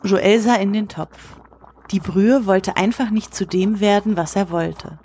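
A woman reading a story aloud in a measured storytelling manner. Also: mid-range voice, steady tone, mellow, a little hiss or hum. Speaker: narrator. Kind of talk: scripted narration.

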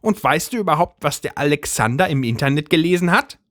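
A shrill, bossy middle-aged housewife from a storybook reading, convinced of a conspiracy and nagging her husband without pause, as a man puts her on. Her voice sits well above a man's and leaps about wildly. The sound is close and dry. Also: animated, a bit bright, no echo. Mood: indignant.

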